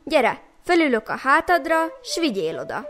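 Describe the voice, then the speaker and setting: Sneaky clever fox from a folk tale, smooth talker, lady storyteller doing the voice. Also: high voice, big pitch swings, pitched above the performer's own voice. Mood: sly. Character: sly clever male fox.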